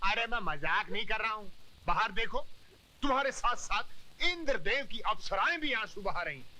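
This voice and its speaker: A man's voice: high-pitched, sing-song, moderate pace, sharp tone, full character voice, low-quality recording. An actor playing a brother who jokingly mocks his crying sister in a film scene. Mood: teasing. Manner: joking, mocking, theatrical. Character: teasing playful brother. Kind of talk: Hindi film drama.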